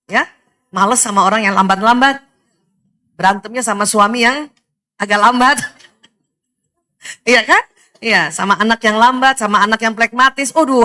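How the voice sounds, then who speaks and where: A middle-aged woman from Indonesia giving a lively religious talk to women, animated, often laughing and speaking straight to her listeners. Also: a little high. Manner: animated, laughs often, addresses audience directly.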